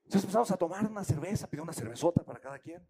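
Lively, high-voiced storyteller man. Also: very fast. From Mexico. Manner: animated, acts out voices and quotes. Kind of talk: storytelling to an audience.

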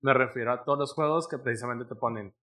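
Brief: young guy, bright forward voice, easygoing slangy gamer talk. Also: medium pitch, fast talker. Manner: laid-back slangy talk, hesitant fillers. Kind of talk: casual gaming chat.

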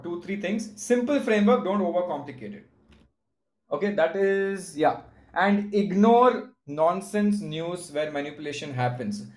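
In echoey online call audio, a man talks in a slightly high voice. He explains his views casually but emphatically, repeating words to drive them home. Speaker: guest speaker on an online crypto call.

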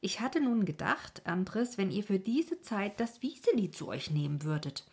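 A woman voicing a kind, firm colonel's wife who talks a sick man round calmly. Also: mid-range voice, moderate pace, husky. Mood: persuasive. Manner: calm, soothing persuasion.

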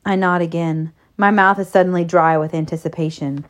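A woman narrating a first-person erotic story in a soft, steady, intimate reading. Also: lowish voice, fairly quick.

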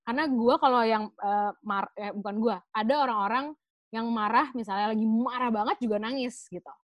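A woman's voice: on the high side, a little fast, no room sound. A woman patiently explaining things in a casual chat, slipping in English phrases. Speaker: guest explaining emotions.

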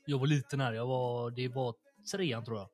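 A man's voice: medium pitch, fairly even intonation, a little mellow, faint music behind. A young man, a podcast host telling a long story in a rambling, slangy way full of fillers.

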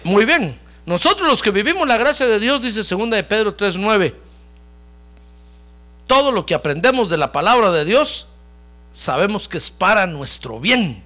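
A man's voice: sits high, very animated, moderate pace, pushed and bright. A man preaching a sermon as pastor, talking straight to the congregation, calling them brother and having them repeat phrases after him.

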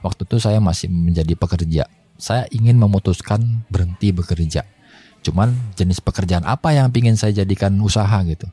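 A man's voice: sits low, fairly quick, dark tone, husky, no echo. A middle-aged man hosting a podcast, telling personal stories in a reflective, casual way and chuckling often between thoughts. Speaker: podcast host. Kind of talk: casual storytelling monologue.

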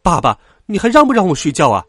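A man voicing a grumpy schoolboy who lectures indignantly, his voice climbing higher. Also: huge pitch swings, fast, a bit bright, slightly rough, faint music behind, exaggerated voice. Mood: angry. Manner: indignant, lecturing, rising in pitch. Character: grumpy, nagging schoolboy woken at night.

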